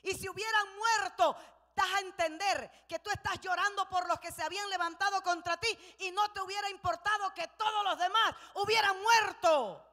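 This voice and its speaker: A woman pastor voicing a stern male general who scolds a king, shouting the rebuke in her sermon. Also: very high-pitched, moderate pace. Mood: scolding. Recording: long church hall reverb.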